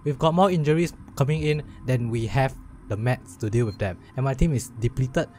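A man's voice: mid-range voice, a little fast, a little mellow, a little hiss or hum. A man doing gameplay commentary and reading in-game text aloud as he plays. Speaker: gamer, let's play host.

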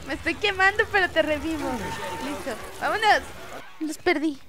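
A woman streaming a game, chatting casually in a bubbly, animated way and often laughing or yelling. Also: extremely high pitch, moderate pace. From Mexico. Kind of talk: casual let's-play chat.

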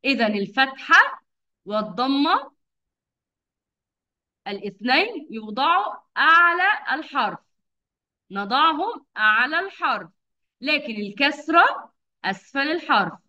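A woman teaching young children over a video call, with patient, drawn-out enunciation and frequent praise. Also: high-pitched, big pitch swings, sharp tone. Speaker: kindergarten teacher. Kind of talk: online phonics lesson for young children. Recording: dull lo-fi video call audio.

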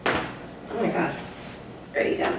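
A woman's voice: slow pace, noisy background. A young woman vlogger casually chatting as she unboxes gifts, bubbly and slangy, full of "like" fillers. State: out of breath at times. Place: room at home, moving in. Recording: echoey empty room, camera mic from a distance.

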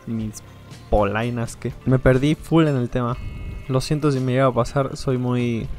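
A man's voice: mid-range voice, slow pace, a little mellow, soft background music. A man giving playful, rambling let's play commentary, joking and laughing often. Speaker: gaming video creator.

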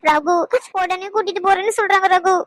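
A woman's voice: extremely high pitch, fairly even intonation, a little fast, fairly bright tone, no room sound. A woman voicing a sulky, clingy young wife in a cartoon, whining and pleading. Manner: whiny pleading. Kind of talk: cartoon voice acting.

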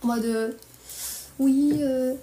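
A French woman in her early twenties livestreams from a small bedroom, griping in blunt, slangy French-accented chat. Her high voice is steady and warm, and she takes her time. Her phone, held at arm's length, picks up a roomy echo and slight background noise.

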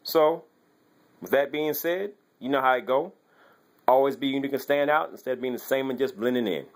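A man's voice: medium pitch, brisk. A man giving a casual, chatty shoe review at home, talking loosely with slangy asides. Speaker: sneaker vlogger. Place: home bedroom, laundry running.

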